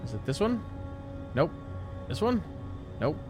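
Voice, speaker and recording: In his thirties, this man streams a game and chats casually, joking, rambling, and poking fun at himself. His voice sits fairly high and has a sing-song lilt at a measured pace, with game music playing behind him.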